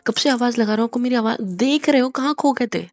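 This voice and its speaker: A man playing a young husband in a romantic audio drama, calming his wife in soft, hushed, gentle whispers. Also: high-pitched, measured pace, creaky, breathy edge, lo-fi sound, full character voice. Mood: soothing.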